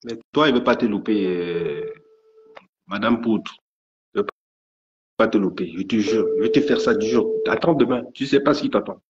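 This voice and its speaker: A man's voice: on the low side, normal speed, long pauses, a little hiss or hum. A man ranting angrily on a live stream, stammering and repeating his threats. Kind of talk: angry live rant. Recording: dull lo-fi stream audio.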